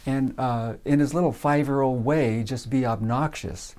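A man telling a personal story in a relaxed, casual way, with frequent fillers. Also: medium pitch, normal speed. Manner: relaxed, many uh fillers, acts out voices in quotes.

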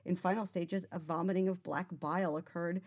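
Female co-host, lowish and soft-edged, mellow tone, casual banter, dry close sound. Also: fairly even intonation, brisk, breathy edge, dry recording. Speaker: podcast co-host. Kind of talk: casual banter and sharing facts.

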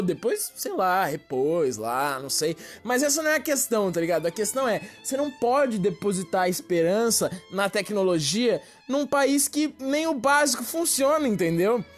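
A Brazilian woman ranting in a slangy, exasperated comic monologue to her viewers. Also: on the high side. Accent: Brazilian Portuguese. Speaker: vlogger. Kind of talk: slangy comic rant to camera.

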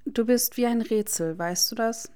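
A woman's voice: fairly high pitch, moderate pace, warm tone, voice pushed up, natural voice. Dry, guarded teen wizard boy, read by a woman. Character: guarded sharp-tongued teenage wizard boy.

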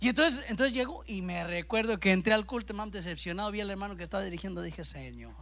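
Male pastor, bright and high voice, animated preacher, loud-to-hushed swings, addresses the congregation directly. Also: racing, creaky. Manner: animated, swings between loud bursts and hushed asides, keeps calling listeners "hermano". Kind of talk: sermon. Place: church service with a congregation present.

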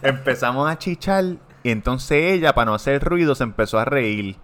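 Rowdy man, bright voice. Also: medium pitch, moderate pace. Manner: laughs through his own stories, rowdy. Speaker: podcast co-host. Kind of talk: casual chat, telling a bawdy anecdote.

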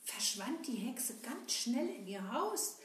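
A woman's voice: a little high, sing-song, slow pace, slight background noise. A woman voicing Seppel, an eager, childlike boy sidekick in a children's puppet show. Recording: echoey, from a distance.

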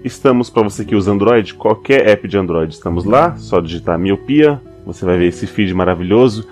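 A man's voice: fairly low pitch, expressive, fairly quick, darkish tone. A man with a Brazilian Portuguese accent hosting a podcast, speaking playfully and directly to the listener. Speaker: podcast host. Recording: music behind the voice.

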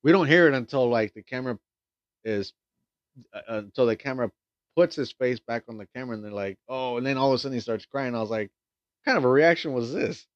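A man's voice: mid-range voice, fast talker, dry recording, muffled recording. A man casually recapping a film in a rambling way, swearing freely and stumbling through lots of fillers and restarts. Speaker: film reviewer.

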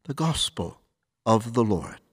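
A man reading scripture and preaching as clergy, solemn and deliberate, with measured pauses. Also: fairly low pitch, sing-song, crowd noise. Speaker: priest or deacon reading the Gospel and preaching. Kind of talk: liturgical scripture reading and homily.

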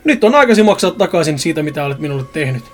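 A man's voice: on the high side, sing-song, faint music behind. A man voicing a jealous, sarcastic young man who accuses and threatens, in a spoken story.

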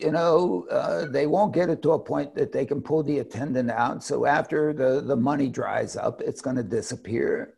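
A man's voice: on the high side, vocal fry, darkish tone, husky. A man co-hosting a discussion show, talking in an emphatic, exasperated, rambling way with many restarts. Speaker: podcast co-host, commentator. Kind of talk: casual opinionated discussion.

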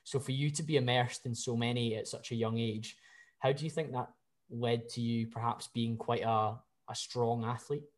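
A man's voice: medium pitch, flat delivery, moderate pace. A man from the UK hosting a podcast interview, posing structured questions in a friendly way. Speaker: podcast host.

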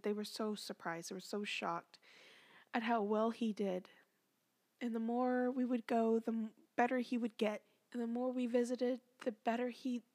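A woman telling the story of her son's birth as an earnest faith testimony, often dropping to a soft whisper. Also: on the high side, vocal fry.

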